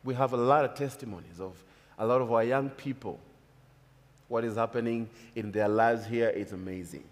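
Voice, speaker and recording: A Kenyan-accented man in his thirties preaches from a church pulpit, his mid-range voice moving at a moderate pace with an emphatic, repetitive cadence. He is a pastor on a church stage before a large hall, and the recording carries the long reverb of that hall.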